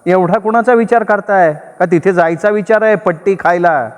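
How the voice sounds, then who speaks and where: A man's voice: high voice, normal speed, smooth, voice pushed up, lightly acted. A man voicing a suspicious middle-aged wife who nags and needles her husband. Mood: needling, accusing. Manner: sharp, needling, accusing. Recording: long reverb.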